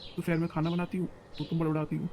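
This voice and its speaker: An exasperated young husband who reasons and pleads in a high, quick voice, as a man voices him. He sounds frustrated in this cartoon family story. There is clear background noise behind him. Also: completely flat delivery, a little mellow, lightly acted.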